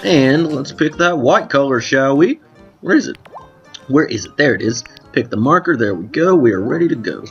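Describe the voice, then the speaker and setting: A man's voice: medium pitch, lively intonation, moderate pace, dull audio, faint music behind. A man hosting a let's play of a drawing game, chatting casually with rambling, self-correcting asides to viewers while his voice cracks now and then. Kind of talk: casual gameplay commentary.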